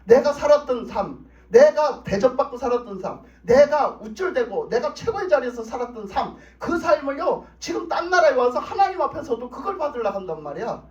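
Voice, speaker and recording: A male pastor preaches a revival sermon with emphatic repetition in a very high, lively voice. The church sound is echoey and dull, picked up from a distance. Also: fairly quick. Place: church sanctuary.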